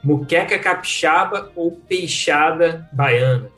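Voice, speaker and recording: A man's voice: a little high, slow pace. A man, chatting casually as a podcast co-host. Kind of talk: casual chat. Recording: roomy echo, music behind.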